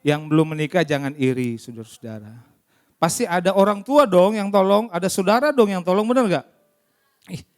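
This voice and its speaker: Male preacher, high voice, chatty and interactive, keeps quizzing the congregation. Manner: lively, keeps asking the congregation questions. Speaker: pastor. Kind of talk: interactive sermon. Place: church service.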